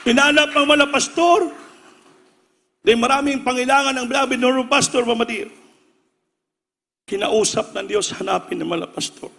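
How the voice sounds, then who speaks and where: A man's voice: extremely high pitch, normal speed, vocal fry, long pauses. Preaching man in a reverberant hall. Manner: storytelling, acting out quoted voices, rising to shouts. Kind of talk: sermon.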